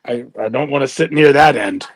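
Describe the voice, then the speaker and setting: A man's voice: medium pitch, brisk, no echo, close to an everyday voice. A man voicing a goofy male ninja entertainer who talks in clipped broken English and mock-wise sayings. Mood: jokey. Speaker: recurring comic guest.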